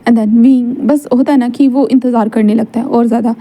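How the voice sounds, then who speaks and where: A woman's voice: fairly high pitch, steady tone, moderate pace, warm tone. A woman casually retelling a fan-fiction story in a chatty way, with frequent "and then" links.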